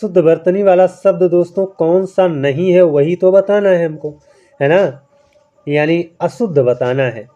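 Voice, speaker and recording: A man's voice: fairly high pitch, measured pace, dark tone, dull audio. A man teaching a Hindi spelling quiz lesson. He explains step by step, asks and answers his own questions, and keeps checking in with viewers. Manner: keeps addressing viewers as friends, adds "है ना".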